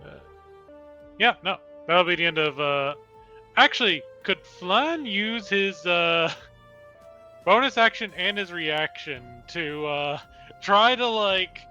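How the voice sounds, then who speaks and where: Slow, bright-voiced young guy playing tabletop. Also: high voice, lively intonation, lo-fi sound, soft background music. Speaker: player. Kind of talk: casual tabletop game chat.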